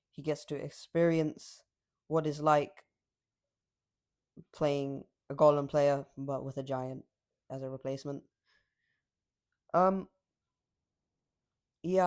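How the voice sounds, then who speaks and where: Slightly raspy from a late-night session, a man's somewhat high, darkish voice carries his loose, rambling commentary on mobile gameplay. He's cocky and trash-talks freely.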